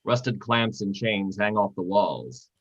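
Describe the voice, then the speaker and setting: A man narrating screenplay stage directions at a live reading, steady and descriptive. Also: fairly low pitch, slow pace, breathy edge. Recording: dull lo-fi sound.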